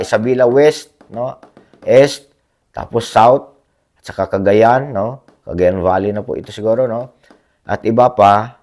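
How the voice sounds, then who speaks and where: A man vlogging in a casual, rambling chat to his viewers, hoarse from a cough, politely tagging his sentences with little questions. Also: on the low side, a little mellow. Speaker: blogger reading viewer comments. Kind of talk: casual livestream-style chat.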